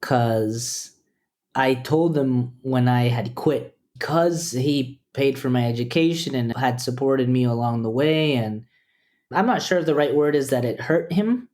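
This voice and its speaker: Man from Costa Rica, podcast guest, earnest, measured, mid-pitched. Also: darkish tone. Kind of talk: reflective interview talk.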